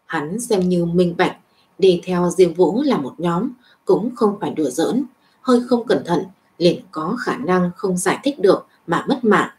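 A woman reading a web novel aloud as narrator, in an even storytelling voice with small lifts for dialogue. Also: lowish voice, measured pace.

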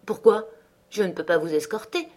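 A cold, sharp-tongued young woman of the house, as a woman reading a novel voices her. Her replies are short and cutting, read in a plain storybook manner. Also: medium pitch, very animated, normal speed. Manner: curt, cutting.

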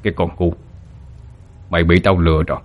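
A man voicing a sinister, scheming old male sorcerer who talks in a low, menacing way. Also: flat delivery, fairly quick, dull audio, natural voice. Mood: scornful.

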